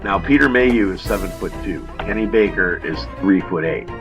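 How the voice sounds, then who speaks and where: Guy with a lowish voice rambling thru a funny story on a podcast, music going loud in the back. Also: expressive, normal speed. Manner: rambling storyteller, laughs at own jokes. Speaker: podcast co-host. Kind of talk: casual chat.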